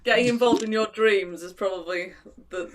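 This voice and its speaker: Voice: mid-range voice, normal speed, a little hiss or hum. An improv performer bantering casually with self-mocking asides.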